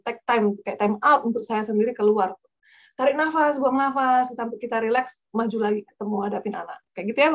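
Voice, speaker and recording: A woman giving direct, casual advice to parents over a video call, addressing the audience as Bapak Ibu. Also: fairly high pitch. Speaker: evangelist speaker. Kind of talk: webinar talk to parents.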